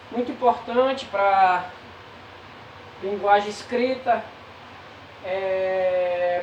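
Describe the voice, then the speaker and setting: A Brazilian woman teaching a grade-school class, pausing with drawn-out fillers between phrases. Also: medium pitch, darkish tone, distant mic, slight background noise. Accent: Brazilian Portuguese. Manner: slow, hesitant, many drawn-out fillers. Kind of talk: recorded remote lesson. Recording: echoey room, voice off-mic.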